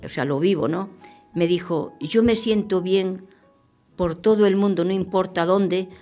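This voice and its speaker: A woman's voice: fairly low pitch, measured pace, dark tone, faint music behind. An older woman, a missionary nun, speaking earnestly and unhurriedly in a radio interview, often repeating herself as she thinks. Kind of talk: radio interview, reflective testimony. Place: radio studio.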